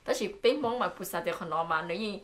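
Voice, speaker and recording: A woman in a casual panel discussion, chattering quickly and switching between languages. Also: fairly low pitch, a bit bright.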